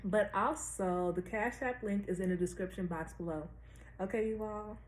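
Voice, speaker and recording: An American woman hosts a casual spiritual chat in a roomy, echoey space with faint noise behind her. Her speech is slightly lisped from wearing a dental retainer. She talks in a deliberate way, repeating phrases for emphasis at a medium pitch. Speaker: tarot reader and astrologer hosting a weekly series.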